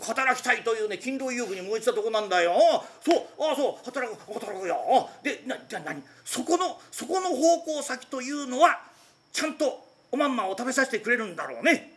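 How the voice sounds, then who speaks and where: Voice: medium pitch, pitched above the performer's own voice, close to an everyday voice. A performer doing a carefree lazy young master. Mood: eager. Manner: lively, quick, playful comic delivery. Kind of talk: rakugo storytelling. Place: former public bathhouse used as an event venue.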